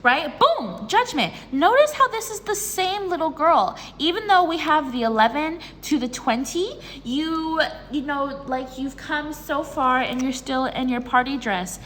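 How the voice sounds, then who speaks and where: Bubbly high-voiced woman tarot reader. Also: a little slow, hardly any pauses, slight background noise. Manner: bubbly, excitable, chatty. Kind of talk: casual tarot reading. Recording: reverberant room with faint ambience.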